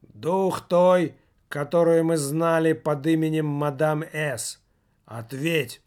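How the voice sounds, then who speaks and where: A man's voice: on the high side, slow, clean tone, pitched above the performer's own voice. A man voicing a droning séance medium. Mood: solemn. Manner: droning, monotone, detached incantation. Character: solemn male séance medium, commanding. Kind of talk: audiobook character voice.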